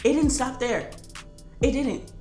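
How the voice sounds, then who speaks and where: A young woman vlogger telling a casual storytime, animated and slangy, often laughing. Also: high voice, slow pace. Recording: roomy echo with faint music.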